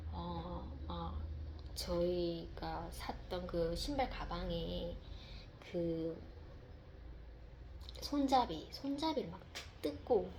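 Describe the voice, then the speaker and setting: A woman's voice: medium pitch, slight background noise. A mother telling a personal faith testimony, rambling, with many fillers and repeated words.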